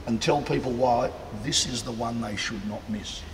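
A man's voice: mid-range voice, normal speed. Guy hosting an interview on camera, talks right to the folks watching, big echoey church sound with faint noise. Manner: chatty, promotional, addresses viewers as folks. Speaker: interviewer and presenter. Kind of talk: upbeat on-camera presenting. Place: large cathedral interior. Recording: echoey cathedral with long reverb and faint background noise.

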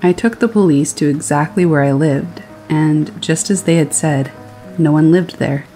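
A horror story narrator calmly reading a first-person scary story aloud, with steady storytelling delivery. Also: mid-range voice, normal speed, rough recording. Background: rain sounds and faint music.

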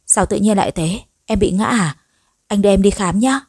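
A woman's voice: mid-range voice, a little fast, a little mellow, breathy edge, no echo, studio quality. A woman voicing an earnest, protective young husband in a storybook reading. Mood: worried. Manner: earnest, firm but respectful.

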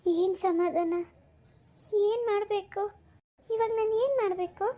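Woman doing young mother, grief-stricken, sobbing, very high-pitched cartoon voice. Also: fairly even intonation, measured pace. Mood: distraught. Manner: sobbing, pleading. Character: young mother, grief-stricken over her missing baby. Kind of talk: cartoon voice acting.

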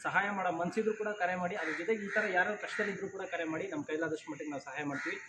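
Casting: earnest shelter founder, man, high voice, live appeal, echoey spot with loud noise behind. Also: fairly even intonation, quick pace. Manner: earnest, pleading, repeats requests.

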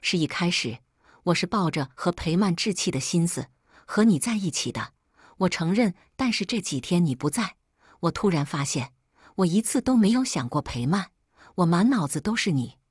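A hoarse, broken young man begging for another chance, as a woman reading the story puts him on. The voice sits low and husky, close and dry with no room sound. This is a melodrama audiobook, read rather than fully acted. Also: big pitch swings, moderate pace, no echo. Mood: anguished. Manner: pleading, broken. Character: remorseful young man pleading, hoarse from smoking.

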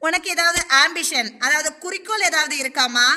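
A woman playing a woman counselor, probing and mildly scolding, bright tone, reverberant hall. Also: sits high, brisk. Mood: calm. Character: patient woman counselor questioning a family. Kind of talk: amateur comedy stage acting.

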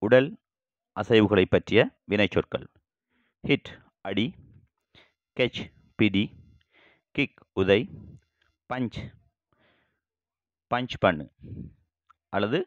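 A man teaching English vocabulary, saying each phrase slowly and then repeating it in translation. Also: lowish voice, no echo, dull audio. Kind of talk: bilingual vocabulary lesson.

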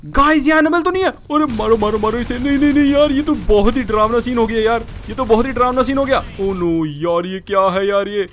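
A man hosting a gaming channel, giving excited gameplay commentary in a panicky way and often calling out to his viewers. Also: very high-pitched, a little fast, few pauses, a little hiss or hum. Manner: panicky, keeps addressing "guys" and exclaiming.

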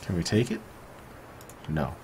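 Man, low voice, crude jokey let's play commentary, faint hiss. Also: huge pitch swings, a little slow, a little mellow. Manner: crude, joking, sarcastic. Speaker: video game player.

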